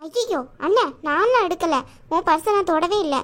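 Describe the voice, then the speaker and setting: A defensive younger sister in a cartoon, protesting and pleading. Her voice is extremely high and thin. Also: expressive, moderate pace, fairly bright tone. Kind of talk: animated cartoon voice acting.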